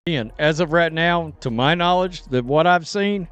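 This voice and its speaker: A man's voice: on the high side, normal speed, fairly bright tone, clean tone, dry recording. A man giving casual commentary, hesitant and sarcastic, with repeated restarts. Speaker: online commentator.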